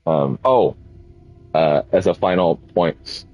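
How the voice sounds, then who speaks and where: Slow-paced and low-pitched, with a darkish tone, a man chats during a casual gaming livestream. He rambles, leans heavily on fillers, corrects himself, and sounds slightly sniffly from a cold.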